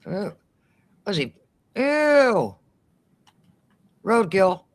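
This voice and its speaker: A woman co-hosting a casual live stream, reading out chat messages and tossing in quick exclamations and jokes. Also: sits low. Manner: chatty, quick to exclaim, jokey asides.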